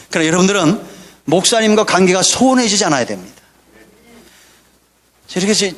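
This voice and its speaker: A middle-aged man preaching a sermon as pastor, lively and joking with the congregation. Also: sits high. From Korea.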